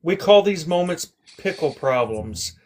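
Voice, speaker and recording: A man co-hosting a casual chat, teasing playfully and choosing his words slowly. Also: a little high, lively intonation, a crowd in the background.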